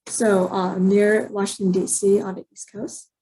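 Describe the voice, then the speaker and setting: A young woman from Maryland, a student panelist on a video call, breezy and quick. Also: mid-range voice, flat delivery, mellow, slightly rough, low-quality recording. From Maryland, USA. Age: young adult.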